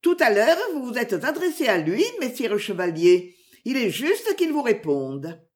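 A woman's voice: very animated, a little slow. A woman reader voicing a young lady's maid who sobs in fright and turns pert and teasing, in a storybook reading. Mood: pert mockery. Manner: high sobbing cries, pert.

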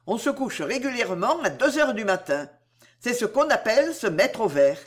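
A woman's voice: fairly high pitch, big pitch swings, moderate pace. A woman reading a story and voicing a teasing, touchy young man with sarcastic, mock-weary speech. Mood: mock-weary irritated.

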